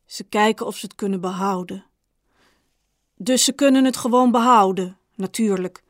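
A woman's voice: mid-range voice, normal speed, no room sound, studio quality, natural voice. A woman reading the lines of a distraught man in hospital, tearful and then snapping angrily. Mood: tense. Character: distraught middle-aged man, diabetic brother in hospital.

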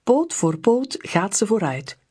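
A woman reading a children's picture book aloud in a slow, clear storybook delivery. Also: medium pitch, big pitch swings, darkish tone.

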